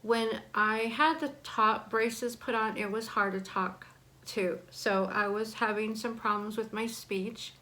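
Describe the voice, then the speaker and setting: A woman's voice: on the high side, fairly even intonation, measured pace, pushed and bright, poor audio. A woman in her forties chatting casually and candidly as a vlogger, her speech slightly impeded by braces and bite blocks. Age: 40s. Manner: candid, personal sharing. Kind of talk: casual chat to camera.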